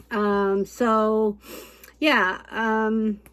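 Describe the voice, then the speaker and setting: A woman's voice: on the high side, creaky, no echo. A middle-aged woman from Canada, hosting her cross-stitch and quilting video in a chatty, homey way with fillers and light laughs, talking around a cough drop while getting over a cold. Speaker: cross-stitch and quilt pattern designer, channel host. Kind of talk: casual chat to camera.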